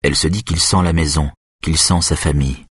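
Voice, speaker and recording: A male audiobook narrator with an extremely deep, gravelly-husky voice, reading calmly. The recording is close and bone dry, with no room sound at all. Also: brisk, dry recording. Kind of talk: scripted narration.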